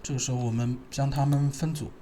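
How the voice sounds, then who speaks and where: A man narrating a screen-recorded software tutorial, thinking aloud and pausing as he works. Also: medium pitch, fairly even intonation, a little hiss or hum. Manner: thinking aloud, halting, pausing while working.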